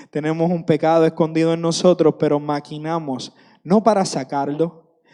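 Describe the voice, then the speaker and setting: A man's voice: on the high side, steady tone, moderate pace, mellow, in a large hall. A man in his thirties preaching a sermon with passion, repeating phrases for emphasis.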